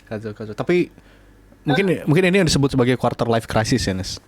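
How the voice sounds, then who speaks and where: A young man in his twenties hosts a late-night podcast chat. He talks in a relaxed, slangy way and laughs easily, with a voice of ordinary middle pitch. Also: fast talker. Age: 20s. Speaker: podcast host.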